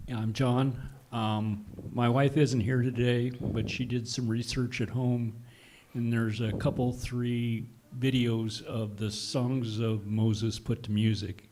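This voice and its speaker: A man in a congregation's Bible study, speaking hesitantly and low-key. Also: little pitch movement, slow, background noise. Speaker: congregation member. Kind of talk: group Bible study discussion.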